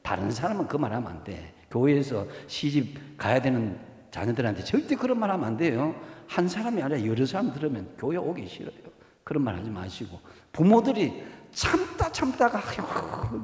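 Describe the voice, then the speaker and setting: Man, pastor, animated pitch, roomy church echo. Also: brisk. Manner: lively, conversational preaching with questions to the congregation. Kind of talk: sermon. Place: church sanctuary. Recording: echoey church hall reverb.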